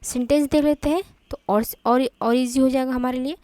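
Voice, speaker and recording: A woman with an Indian accent teaching English grammar in Hindi. She explains step by step, repeats key terms and reads English example sentences out slowly. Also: high voice, fairly even intonation, dark tone, no echo.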